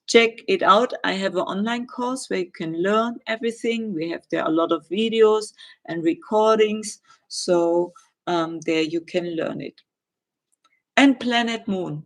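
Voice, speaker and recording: A middle-aged woman with a German accent, answering viewer questions in a live chat and pausing often with ums and uhs. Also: medium pitch. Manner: hesitant, many ums and uhs, gentle.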